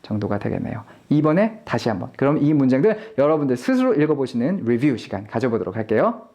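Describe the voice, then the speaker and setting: Lively-pitched pronunciation teacher. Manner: patient, demonstrates example words slowly and repeats them; polite, encouraging instruction to viewers. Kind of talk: online lecture.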